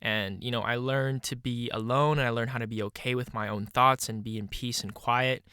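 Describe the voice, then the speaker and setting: A man's voice: medium pitch, steady tone, moderate pace, sharp tone, clear, resonant tone, no room sound, studio quality. A man of twenty-one with a stuffy nose hosting his own podcast, talking casually and reflectively with lots of "you know" fillers. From Canada. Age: 20s. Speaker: podcast host. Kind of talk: solo podcast monologue.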